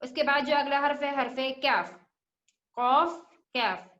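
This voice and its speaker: A woman's voice: sits high, slow, a bit bright, echoey room, muffled recording. A woman teaching children Quran recitation, patiently repeating each letter sound and asking questions as she goes. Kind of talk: religious lesson for children.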